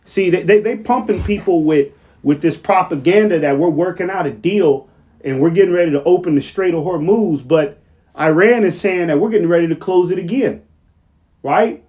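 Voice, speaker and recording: A tired man talking casually late at night at his workplace, rambling through news commentary, often asking "right?" and slowing down to read quotes aloud. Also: high voice, lo-fi sound. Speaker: online commentator.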